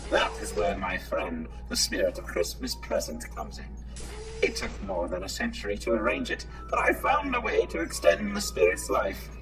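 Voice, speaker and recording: A man's voice: low voice, huge pitch swings, moderate pace. A man playing a menacing, pompous old half-mechanical Scrooge in an audio drama, with a theatrical, bombastic delivery. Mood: defiant. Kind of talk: audio comedy drama acting. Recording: distant-sounding voice under loud music.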